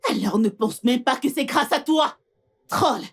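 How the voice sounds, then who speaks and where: A woman dubbing a vengeful, obsessive woman who shouts insults and threats. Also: on the high side, a little slow, breathy edge. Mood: furious. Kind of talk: dubbed film acting.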